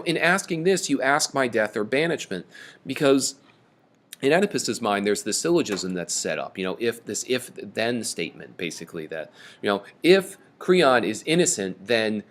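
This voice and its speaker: A man giving a casual mini-lecture, retelling a play in everyday speech and quoting characters with quick voiced lines. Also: on the low side, fairly bright tone.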